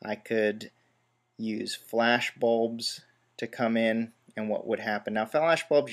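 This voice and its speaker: Man, relaxed tutorial host, walks through steps plainly with dry little asides. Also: lowish voice. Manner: step-by-step, relaxed, self-deprecating asides. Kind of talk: screen-recorded software tutorial.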